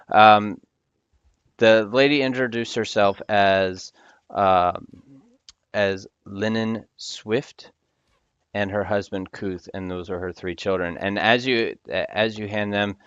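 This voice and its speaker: A man with a low, smooth, resonant voice narrates as game master of a tabletop game, pausing often on ums and restarts. The sound is dry and dull, like a lo-fi voice chat. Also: a bit bright, no room sound. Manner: hesitant, many ums and restarts.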